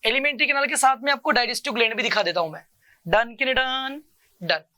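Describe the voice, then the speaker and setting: A male coaching teacher giving a lecture. He asks each question, answers it himself in a lower voice, and repeats every term to drill it. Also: fast talker, bright, forceful tone, no room sound. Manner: keeps calling the listener "beta" and repeats each term. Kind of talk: classroom lecture with call-and-response drilling.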